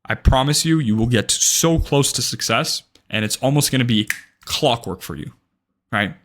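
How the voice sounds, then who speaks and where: A young man of about twenty, a day trading vlogger, speaks straight to camera with blunt, emphatic advice, swearing freely and often capping points with "right?". His voice is medium-pitched and fairly bright, at a normal pace, with a little hiss or hum in the background.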